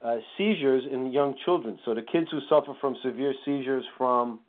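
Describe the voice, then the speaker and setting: A man's voice: medium pitch, moderate pace. A man speaking as a chiropractor guest on a radio show, explaining in a friendly way with jokey asides. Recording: tinny phone-line sound.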